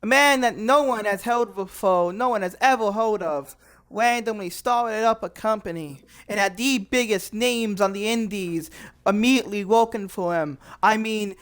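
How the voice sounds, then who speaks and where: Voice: mid-range voice, a bit bright, natural voice. Someone doing a cocky heel wrestling boss. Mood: boastful. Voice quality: boastful, grandstanding, drawn-out dramatic pauses. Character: cocky male wrestling company owner. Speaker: wrestling roleplay promo performer. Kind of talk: in-character wrestling promo.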